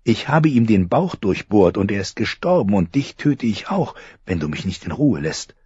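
A man voicing a fierce, defiant young girl who snaps back at bullies with a sharp tongue. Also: on the low side, sing-song, normal speed, husky, no echo, heavily acted. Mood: grim quiet. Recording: slightly muffled recording.

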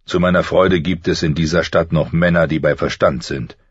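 A man voicing a stern, weary noble father in an audiobook, measured and grave. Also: very deep voice, fairly even intonation, slightly rough, no room sound. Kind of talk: audiobook character voice. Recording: slightly muffled dry recording.

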